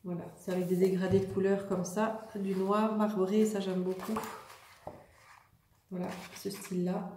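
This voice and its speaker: Mellow-voiced woman chatting through a haul. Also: medium pitch, unhurried, echoey room, a little hiss or hum. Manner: relaxed, chatty, many hesitations. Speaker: vlogger showing a shopping haul. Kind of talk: casual haul video.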